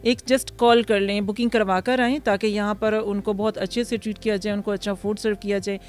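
A woman in her thirties from Pakistan, a restaurant founder answering interview questions outdoors into a handheld mic, pausing often with fillers. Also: mid-range voice, flat delivery. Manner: hesitant, many fillers, mixes English words. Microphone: handheld mic held by interviewer.

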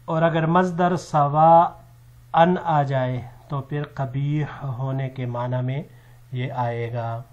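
A man teaching an Arabic vocabulary lesson in a measured way, listing word forms and their meanings one after another. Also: mid-range voice, fairly even intonation, darkish tone. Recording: slightly dull lo-fi recording.

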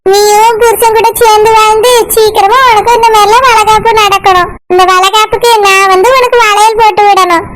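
A woman's voice: very high voice, flat delivery, fairly quick, few pauses, dry recording. A woman doing a tender pregnant village wife. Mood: chatty. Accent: Kanyakumari Tamil. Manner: soft, tender, cooing. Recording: loud background noise.

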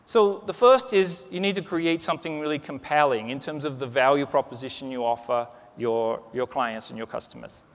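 His mid-range voice runs at a moderate pace with hardly any pauses. He's a man in his forties delivering a casual-sounding keynote on a large stage, restarting frequently and using "you know" often. The conference hall echoes noticeably.

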